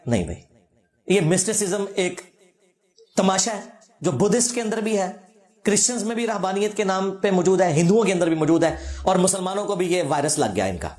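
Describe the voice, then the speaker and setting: Religious scholar, male, high voice, sarcastic debunking tone, roomy echo. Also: expressive, darkish tone. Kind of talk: reaction lecture.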